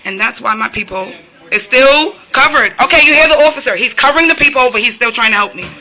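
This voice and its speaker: A woman's voice: a little high, lively intonation, quick pace, bright, forceful tone. A woman filming from inside an apartment, speaking agitatedly, firing rhetorical questions and turning to address officers directly. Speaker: resident filming a police standoff. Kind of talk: live self-recorded protest commentary. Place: indoors in an apartment.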